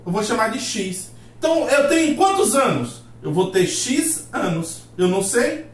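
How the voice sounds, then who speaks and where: Lively math teacher in an echoey room. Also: male voice, high voice, normal speed. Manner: lively, asks rhetorical questions, acts out student replies. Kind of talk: video math lesson. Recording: roomy echo.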